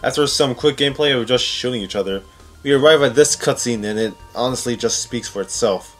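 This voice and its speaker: Over music, a man with a mid-range voice delivers brisk, casual commentary for a countdown of video game moments. He's sarcastic, frequently disbelieving, and curses a lot.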